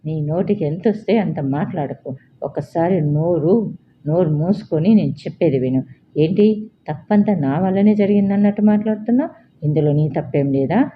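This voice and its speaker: A woman's voice: fairly low pitch, slight background noise, lightly acted. A woman doing a stern defensive boss. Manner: stern, insistent. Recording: slightly dull lo-fi.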